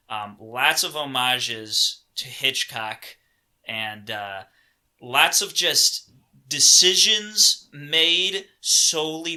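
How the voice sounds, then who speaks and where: A young man co-hosting a podcast, talking casually about films in a slow, searching way with many pauses and restarts. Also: mid-range voice, sharp tone. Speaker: podcast co-host. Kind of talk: casual film discussion.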